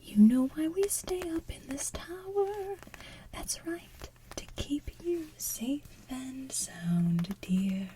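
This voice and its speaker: A woman playing a manipulative, doting villainess mother from an animated musical, half whispering and softly singing in a theatrical, condescending way. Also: high voice, slow, slight background noise, voice pushed up. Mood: cooing, patronizing. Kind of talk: soft-sung animated musical villain song.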